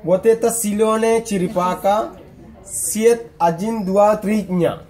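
A man's voice: sits high, fairly even intonation, darkish tone, roomy sound. Man guiding in broken simple phrases. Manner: halting, repeats simple numbers. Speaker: turtle farm guide. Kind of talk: tour guide explaining in broken Russian. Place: outdoor turtle hatchery tanks. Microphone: tourist's phone camera.

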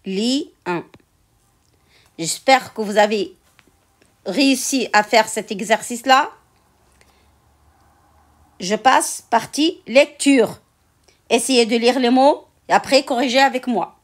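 A woman's voice: fairly high pitch, slow, pauses often. A woman teaching in a patient classroom manner, repeating words and counting their syllables aloud. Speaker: French teacher. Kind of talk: slow classroom instruction.

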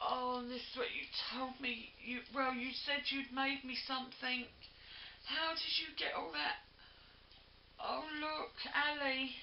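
A woman unboxing a gift on a craft vlog, gushing and effusive, with lots of breathy "oh"s. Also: sits high, level tone, unhurried, slight background noise. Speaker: crafting vlogger. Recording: lo-fi home video, roomy.

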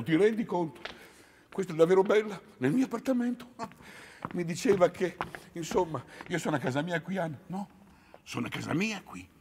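A man's voice: sits high, slight background noise. An actor on a theatre stage playing a confused, stubborn elderly father who talks insistently in bewildered bursts. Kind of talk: stage play acting.

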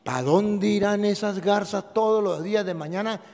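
Storybook cloud, female, curious and gentle, hushed, put on by a male preacher; roomy hall sound. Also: sits high, moderate pace. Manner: hushed, quiet questioning.

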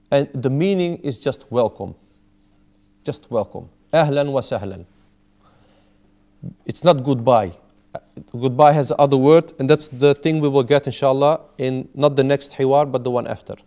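A man in his thirties with a mid-range, somewhat dark voice teaches Arabic in a small classroom with a whiteboard. He patiently repeats each word and explains it.

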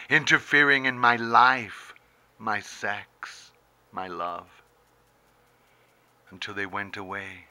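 A middle-aged poet reads his own spoken-word poem in a low, very forceful voice, going extremely slowly with long pauses between short phrases. His delivery is intense and theatrical. He's in a small book-lined room indoors, recorded by a handheld camera held very close to his face.

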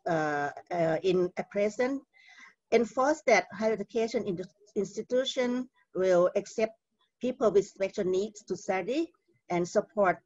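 A woman's voice: mid-range voice, a little mellow, dry recording. A middle-aged woman with a Thai accent giving a conference keynote over a video call, speaking carefully with many hesitations. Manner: careful, halting delivery with frequent "uh" fillers. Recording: dull lo-fi video call audio.

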